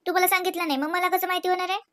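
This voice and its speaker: Lady doing a sulky young cartoon wife, high voice, keeps saying sorry. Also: flat delivery, rapid-fire. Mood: apologetic. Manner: pleading, sulky, repeats sorry. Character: apologetic young wife Rashmi, sulky and pleading. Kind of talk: cartoon voice acting.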